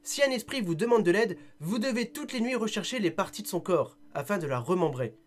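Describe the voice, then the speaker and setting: A man chatting casually in a video review, lively with quick asides, sounding tired. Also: high-pitched. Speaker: manga vlogger.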